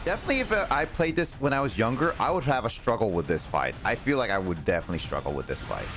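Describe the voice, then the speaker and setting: A man's voice: mid-range voice, sing-song, fast talker, noisy background. A young man giving casual live gameplay commentary, rambling and hesitant as he thinks aloud. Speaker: video game streamer. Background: game music.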